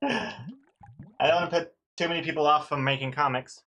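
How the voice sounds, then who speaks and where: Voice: medium pitch, brisk, a bit bright, slight background noise. Casual, hesitant rambler thinking aloud. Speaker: webcomic artist.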